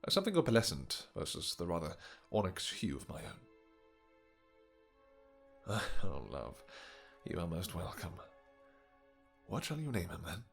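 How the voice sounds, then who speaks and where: A man playing a possessive, doting vampire king in a romantic fantasy roleplay, speaking in courtly, old-fashioned phrases with hesitant pauses and endearments. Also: sits low, vocal fry, a bit bright, exaggerated voice. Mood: proud, then tender, amused. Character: doting, possessive, vengeful male vampire king with horns and wings.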